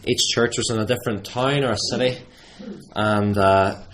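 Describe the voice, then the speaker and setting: A man leading a church service, reading scripture at a pulpit microphone in a measured, deliberate way with emphatic pauses. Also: on the low side, steady tone, a bit bright, a little hiss or hum.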